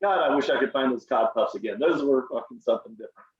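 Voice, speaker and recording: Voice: mid-range voice, fast, dull audio, over a noisy crowd. A co-host in a casual food-tasting chat who jokes crudely and swears freely.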